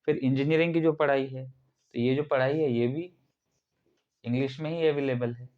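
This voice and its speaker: A man's voice: mid-range voice, steady tone, moderate pace, phone-quality sound. A male instructor from India giving a classroom lecture, explaining step by step and asking the class questions. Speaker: ITI instructor.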